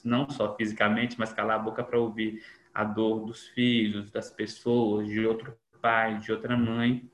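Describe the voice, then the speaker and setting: A man's voice: on the low side, flat delivery, measured pace. A man as a podcast guest in casual conversation, reflective, often acting out quoted dialogue. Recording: echoey room with faint noise.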